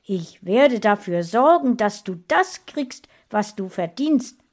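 A woman's voice: mid-range voice, expressive, slow pace, pitched above the performer's own voice. Woman doing a wicked taunting girl, storybook villain. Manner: taunting, loud. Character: gleeful menacing girl turned wicked.

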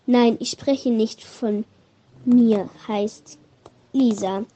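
A woman's voice: fairly high pitch, fairly even intonation, very slow, warm tone, muffled recording. A woman voicing a cocky teenage boy who talks in sing-song rhymes, in a storybook reading.

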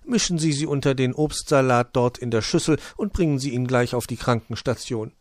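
A man's voice: medium pitch, a little fast, dry recording, clean studio sound, voice pushed up, lightly acted. A man voicing a motherly female hedgehog in a children's storybook, talking sweetly. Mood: coaxing.

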